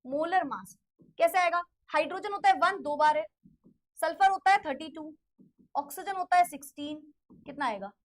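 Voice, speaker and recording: A high-pitched woman teaches chemistry in an online class. She talks in a lively way, poses questions and answers them herself, and slows right down to repeat definitions word by word. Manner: lively, repeats key phrases slowly to dictate; asks and answers her own questions in students' voice.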